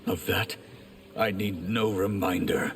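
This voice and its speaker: In dramatic video game acting, a man plays a proud warrior in a fantasy game addressing his ruler, speaking earnestly and formally in a grave, resolute mood. His voice is low-pitched, steady, and slow. The recording has long reverb, loud noise, and clicks.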